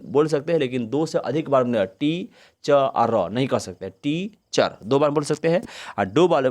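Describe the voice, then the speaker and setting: A male teacher giving a grammar lesson in a mid-range voice. He keeps posing questions and answering them himself, and he slows right down to stretch out words syllable by syllable. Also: mid-range voice, a little mellow.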